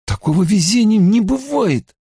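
A man's voice: high-pitched, lively intonation, normal speed, dark tone, breathy edge, no echo, clean studio sound, pitched above the performer's own voice, full character voice. A man reading an audiobook, voicing an eager, insistent young man who presses urgently for answers. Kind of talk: audiobook character voice.

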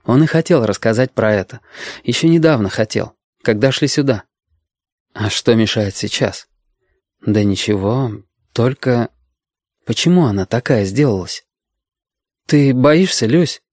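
A man reading an audiobook aloud in a calm, measured storytelling manner. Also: fairly low pitch, no echo, studio quality. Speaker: audiobook narrator.

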